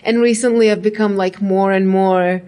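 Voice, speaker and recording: A woman's voice: mid-range voice, fairly even intonation, moderate pace, warm tone. A woman, talking reflectively in an interview and leaning on "like" and "right?". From Iraq. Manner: reflective, frequent "like" and "right?" asides. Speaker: interviewee, graduate student. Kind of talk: casual interview talk.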